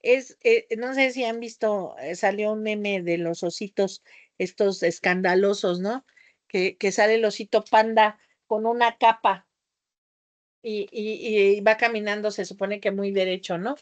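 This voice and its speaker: A woman lecturing a class in a high, squeaky voice that she keeps loud so people at the back can hear. She is theatrical and shifts her tone often, and she wanders off on tangents. Her voice sits at an ordinary pitch for a woman, and the sound is dry and close. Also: fairly even intonation, unhurried, no room sound. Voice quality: high-pitched voice, calls it a squeaky off-key whistle. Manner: scattered, jumps between topics with tangents. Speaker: homeopathy teacher.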